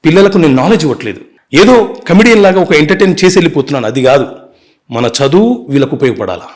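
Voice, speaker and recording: A man, an advocate telling his life story in an interview, earnest and brisk, mixing in English words. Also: on the high side, animated, darkish tone.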